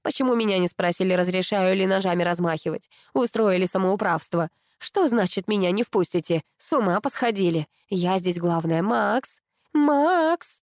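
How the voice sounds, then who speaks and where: A woman reading an audiobook and voicing a domineering older mother-in-law who runs a beauty pageant and shouts orders. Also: fairly low pitch, a little fast, few pauses, no echo, studio quality, lightly acted. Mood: bossy.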